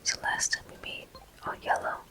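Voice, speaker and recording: Someone hosts a video game walkthrough with whispered ASMR narration that is gentle and unhurried, the voice soft and breathy throughout.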